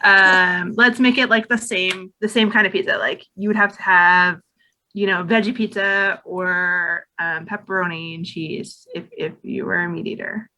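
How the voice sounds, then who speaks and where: A woman's voice: fairly low pitch, steady tone, normal speed, pushed and bright. A talkative woman chatting on a podcast, speaking with emphasis. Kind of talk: casual chat.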